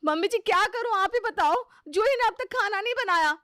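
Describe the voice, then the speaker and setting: A woman voicing a bossy elder sister-in-law who scolds loudly and sharply. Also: very high-pitched, animated, a little fast, no room sound, studio quality, pitched above the performer's own voice. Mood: scolding, exasperated.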